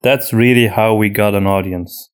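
This Belgian podcast co-host and audio drama writer from Flanders, a native Dutch speaker, has a Flemish accent and a smooth, steady voice on the low side, moving at a moderate pace. In a relaxed Q&A conversation, he tends to repeat words as he thinks.

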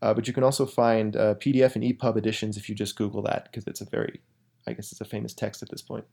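A male podcast guest with a soft, dark tone. He explains technical ideas in a steady, measured way. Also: on the low side, vocal fry. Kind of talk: casual podcast chat.

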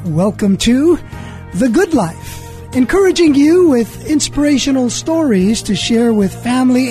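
Mellow husky guy hosting a radio show, measured and earnest, faint music under. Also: extremely high pitch. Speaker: host. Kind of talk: scripted radio introduction and interview.

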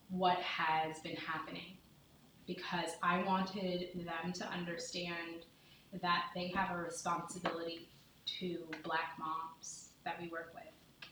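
A woman and mother talking earnestly and deliberately in a candid conversation, heard on a distant mic in an echoey room. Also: fairly low pitch, a bit bright, a little hiss or hum. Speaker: podcast guest, mother.

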